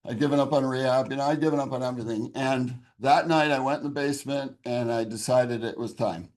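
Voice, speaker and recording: A man's voice: medium pitch, steady tone, fairly quick, darkish tone. Earnest man telling a raw personal story. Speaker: interview guest. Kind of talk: personal testimony.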